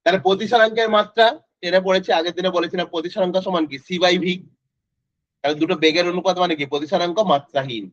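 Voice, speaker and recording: A man's voice: high-pitched, fairly even intonation, quick pace, no echo. A male physics tutor, teaching an online class in a casual way and quizzing students by name. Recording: dry, slightly dull lo-fi audio.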